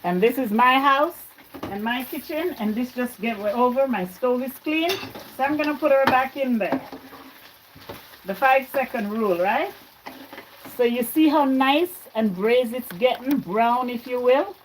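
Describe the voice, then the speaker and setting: A livestream cooking host born in Jamaica talks chattily with her viewers while making food in her home kitchen. Her high voice is expressive and unhurried. The rough recording carries a little hiss or hum, plus frying and stirring in the background.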